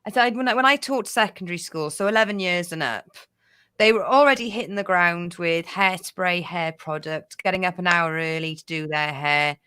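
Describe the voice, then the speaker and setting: Bright-voiced frank woman co-host. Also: fairly low pitch, moderate pace, smooth. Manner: frank, wry and outspoken. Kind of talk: casual chat.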